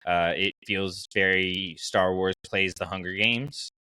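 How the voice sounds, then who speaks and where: Speaking slowly and steadily, this male host has a low voice with a sharp, clear, resonant tone. He discusses fiction casually on his podcast, reasoning aloud and voicing opinions, and the recording is dry.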